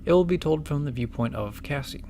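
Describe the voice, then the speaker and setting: A man's voice: on the high side, expressive, fairly quick, background noise, close to an everyday voice. A man playing a nervous, deferential young apprentice investigator in an audio drama, hesitant and apologetic. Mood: hesitant, reporting.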